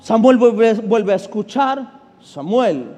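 High-voiced preacher in a reverberant hall. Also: male voice, normal speed, a little mellow. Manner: asks the congregation questions and answers them; calls for congregational response. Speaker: pastor. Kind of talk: sermon reading and explaining scripture. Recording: long reverb with faint music behind.

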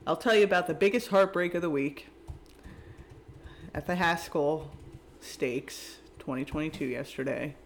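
A man's voice: on the high side, normal speed, long pauses, a little hiss or hum. A man co-hosting a casual podcast, rambling and joking, swearing freely. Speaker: podcast co-host. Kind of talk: casual chat.

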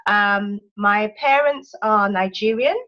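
Woman, podcast guest, slow and easygoing, muffled call line. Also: mid-range voice, bright, forceful tone. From London, England. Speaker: podcast guest, life coach. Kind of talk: casual interview chat.

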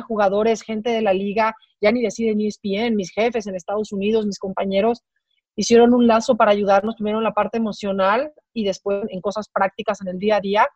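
A middle-aged woman with a Mexican accent, telling a personal story as an interview guest, halting and repeating words as her voice breaks with emotion. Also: mid-range voice, darkish tone, dry recording. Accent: Mexican Spanish. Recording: dry, slightly dull recording.

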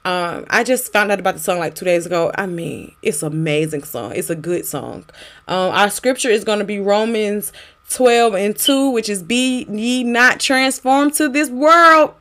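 A woman's voice: lowish voice, moderate pace. A woman hosting a casual, encouraging faith podcast, with a smoke alarm beeping in the background. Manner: encouraging, exhortative. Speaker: podcast host.

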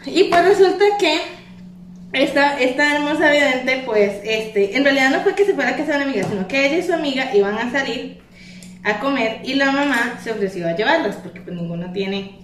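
A young woman with a Costa Rican accent chatting as a podcast co-host, telling gossip in slangy, animated style. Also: high voice, a little fast, a little hiss or hum. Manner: slangy, animated storytelling with giggles. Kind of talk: casual gossipy chat. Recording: roomy, echoey, distant from the mic.

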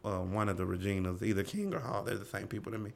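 A man co-hosting a casual chat show, joking and laughing loudly as he talks. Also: fairly low pitch, racing, gravelly. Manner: animated, loud laughs, joking. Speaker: podcast co-host.

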